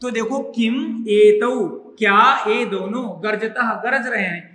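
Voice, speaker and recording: Brief: bright-toned male schoolteacher, drilling pupils on word forms, reverberant classroom sound. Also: sits high, takes it slowly. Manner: repeats words and asks questions to students. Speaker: Sanskrit teacher. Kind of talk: classroom lesson explaining grammar. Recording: echoey room with long reverb, faint noise.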